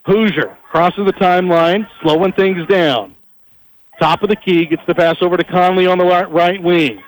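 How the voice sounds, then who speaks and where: High-voiced excited basketball announcer man. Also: a little hiss or hum, low-quality recording. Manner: rapid energetic calls, rising on big plays. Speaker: play-by-play announcer. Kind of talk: live basketball play-by-play.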